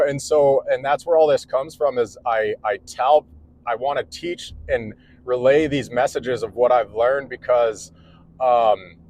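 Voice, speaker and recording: A man in his forties, an electrical contractor, talks casually to the camera at home in a mid-range, slightly mellow voice. Earnest and rambling, he restarts often in this vlog monologue, and the recording is rough.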